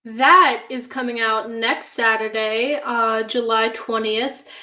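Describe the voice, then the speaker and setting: A woman's voice: fairly high pitch, fairly even intonation, slow, pushed and bright. A woman chatting casually and playfully as a guest. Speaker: horror host guest. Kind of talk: casual chat. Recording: roomy, echoing sound.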